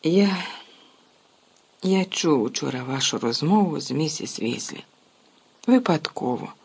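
A reader voicing an anxious, brave teenage boy wizard who talks hurried and raised in a husky voice. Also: mid-range voice, lively intonation, a little mellow, full character voice. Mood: eager, anxious.

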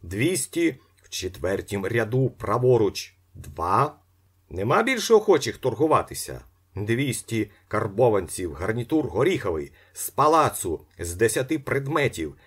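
A man voicing a brisk auctioneer who calls out bids in drawn-out, ringing announcements. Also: fairly low pitch, big pitch swings, slightly rough, voice pushed up, full character voice. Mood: announcing.

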